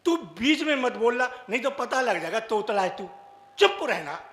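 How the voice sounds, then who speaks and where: A man voicing a stern father who quietly instructs his son. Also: very high voice, very animated, normal speed, voice pushed down, heavily acted. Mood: hushed warning. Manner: hushed and instructive. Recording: echoey hall.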